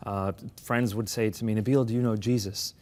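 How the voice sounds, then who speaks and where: A man's voice: lowish voice, fairly even intonation, a little fast, a little mellow. Earnest man telling his story. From United States. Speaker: interview guest. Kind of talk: conversational interview.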